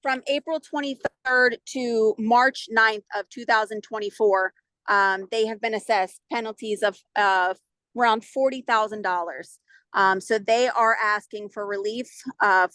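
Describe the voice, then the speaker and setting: A woman's voice: medium pitch, bright, forceful tone, no echo. Woman reporting over a video call. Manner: measured, with frequent "um" pauses. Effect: heard over a video call line. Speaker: city public works staff member. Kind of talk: reporting to a council meeting.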